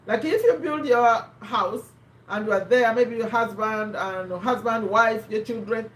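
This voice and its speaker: A woman's voice: on the high side, measured pace, distant mic. Woman explaining in an echoey room. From Uganda. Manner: conversational, quizzes listeners, frequent restarts. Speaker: host of a live book discussion. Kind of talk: casual explanatory talk.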